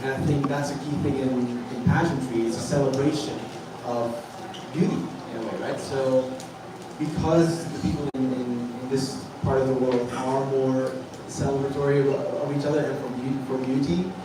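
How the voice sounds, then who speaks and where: A man who makes documentaries answers press questions, often stopping to hunt for the right word and starting over. His voice carries from a distance through a very echoey room. A steady background noise runs under him. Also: mid-range voice, normal speed. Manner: hesitant, searching for words, many fillers and restarts. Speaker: documentary filmmaker.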